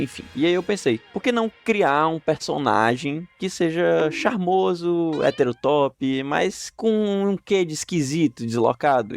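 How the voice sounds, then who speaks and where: A man's voice: a little high, gravelly. A man narrating a story in a casual, chatty way, reading chat messages aloud. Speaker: storytelling vlog host.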